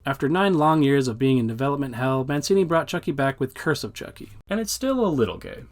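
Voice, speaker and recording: A man's voice: medium pitch, animated, a little fast, a little hiss or hum. A man narrating a scripted video essay about film history in a wry, informal way. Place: voice-over recorded off screen.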